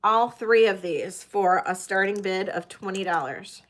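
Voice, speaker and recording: A woman's voice: mid-range voice, unhurried, a bit bright. A middle-aged woman working as a casual auctioneer on a live sale, chatting and addressing bidders by name.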